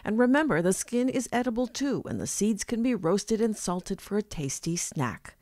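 A woman's voice: medium pitch, expressive, moderate pace, a little mellow, no echo. Woman narrating a food segment, dry. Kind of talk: scripted voice-over narration.

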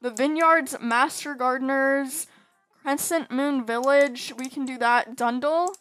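Brief: high-pitched woman for casual gaming commentary, talkative and quick to exclaim in frustration. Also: fairly bright tone. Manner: chatty, often exasperated, exclaims a lot. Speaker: gaming YouTuber.

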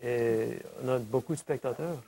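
A man from Louisiana, hosting a local talk show in a halting manner, often repeating words. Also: medium pitch, vocal fry, warm tone. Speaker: host. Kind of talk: casual chat.

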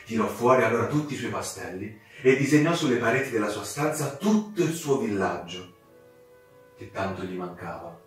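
A man narrating a fairy tale for children with expressive, dramatic delivery. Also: fairly low pitch, moderate pace. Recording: very echoey room, distant mic, soft music.

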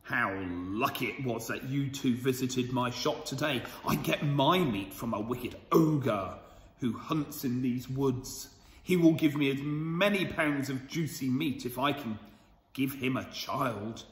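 Wicked storybook butcher, booming and gloating, a man putting him on; roomy sound with a long tail. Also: measured pace, close to an everyday voice. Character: scheming greedy male village butcher.

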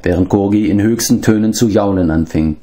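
A man's voice: fairly low pitch, brisk, mellow. Man narrating a storybook. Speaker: audiobook reader. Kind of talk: scripted narration.

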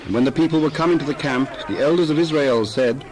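A man's voice: fairly high pitch, fast talker, background noise. A man narrating scripture from a script as part of a dramatized Bible reading.

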